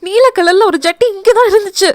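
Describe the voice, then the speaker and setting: A woman voicing an anxious, dramatic young wife who wails and scolds in a shrill voice. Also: fairly quick, dry recording, studio quality. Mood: wailing, indignant. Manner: shrill and wailing.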